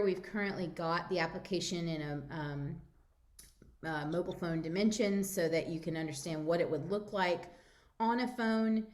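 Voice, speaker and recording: A woman giving an informal software demo as the lead presenter, with a hesitant, slightly nervous delivery. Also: fairly low pitch. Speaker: project presenter.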